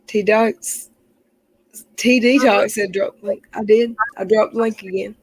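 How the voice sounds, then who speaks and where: A woman's voice: mid-range voice, fairly even intonation, unhurried, slightly rough, low-quality recording. A woman in her forties hosting a casual livestream chat, reading out viewer comments as she talks. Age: 40s. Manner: chatty, reads out viewer comments. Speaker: stream host. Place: outdoors near her house.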